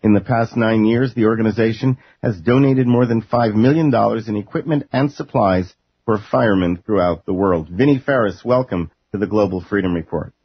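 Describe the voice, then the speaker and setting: A man from New York hosting a broadcast interview, reading a measured introduction and asking questions. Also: lowish voice, slightly rough, no room sound, highs cut off. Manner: measured announcer delivery. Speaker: radio host.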